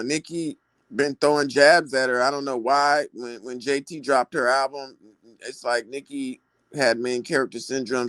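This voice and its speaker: A man's voice: mid-range voice, fairly bright tone, dry recording. A man giving casual celebrity gossip commentary, retelling stories in slangy talk and acting out the quoted lines.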